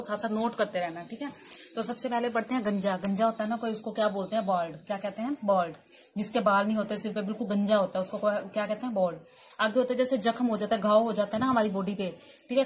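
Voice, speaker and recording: A woman teaching English vocabulary in Hindi, asking each word as a question and answering it herself. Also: mid-range voice.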